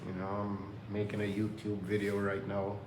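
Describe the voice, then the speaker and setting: A Jamaican vlogger with a fairly low, monotone voice talks at a moderate pace, addressing the camera casually from a workplace under renovation. He rambles loosely through preachy self-motivation, and the echoey room has faint ambience and a noisy background.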